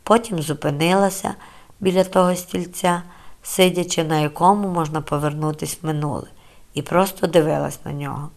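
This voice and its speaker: A woman narrating a novel in a calm, measured storytelling voice. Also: deep voice, creaky. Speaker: audiobook narrator. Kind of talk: scripted literary narration.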